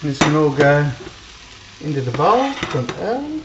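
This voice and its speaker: Woman cooking vlogger, low voice, chatty and homely; echoey home kitchen, loud frying behind. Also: very animated, a little slow, dull audio, noisy background. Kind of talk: casual cooking demonstration. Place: home kitchen with sizzling pan.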